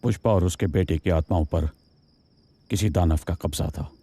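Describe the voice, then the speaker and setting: A man voicing a deep, husky kindly villager. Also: normal speed, no room sound. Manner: calm, explaining. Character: kind older village man who helps people.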